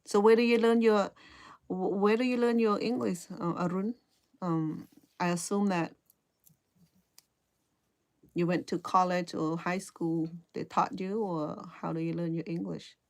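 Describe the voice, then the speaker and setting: Crocheting on a live stream, a middle-aged Cambodian woman chats with viewers in a hesitant way, repeating her words often, in a Cambodian accent. Her voice sits on the low side, steady and darkish, creaky, unhurried, and full of frequent pauses.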